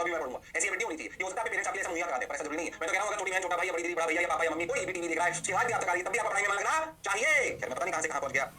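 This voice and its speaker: A man teaching physics in a recorded online lecture from a quiet studio, mixing English terms into Hindi and answering himself in a student's voice. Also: high-pitched.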